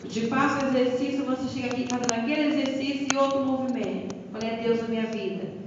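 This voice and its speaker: A woman's voice: high-pitched, steady tone, quick pace, noisy background. Woman giving testimony in an echoey church. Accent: Brazilian Portuguese, São Paulo. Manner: addresses listeners as brothers, quotes dialogue. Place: church hall. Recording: echoey church hall from far off, muffled.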